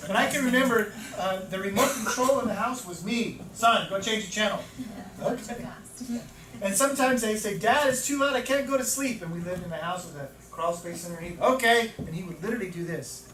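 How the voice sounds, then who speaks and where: A man's voice: high voice, brisk. Man in his fifties lecturing a room. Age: 50s. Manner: animated storytelling, repeats words for emphasis. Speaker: teacher trainer. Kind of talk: classroom lecture. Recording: echoey room from far off, noisy.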